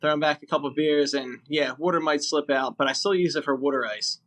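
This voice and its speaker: A man's voice: on the high side, fast talker, a bit bright. A young man from the Philadelphia area, guesting as a musician on a podcast. He talks in a loose, rambling way, with plenty of fillers. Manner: rambling, easygoing, lots of fillers. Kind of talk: casual interview.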